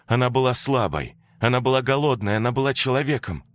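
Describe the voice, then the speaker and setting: A man's voice: medium pitch, expressive, quick pace, dry recording, pitched above the performer's own voice, close to an everyday voice. A man voicing a fierce protective young woman. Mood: urgent, commanding.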